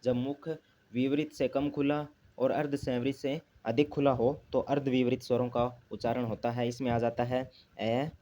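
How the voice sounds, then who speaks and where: A man's voice: medium pitch, level tone, normal speed, warm tone. A man teaching a grammar lesson, asking himself questions and repeating the key terms. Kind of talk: classroom lesson explanation.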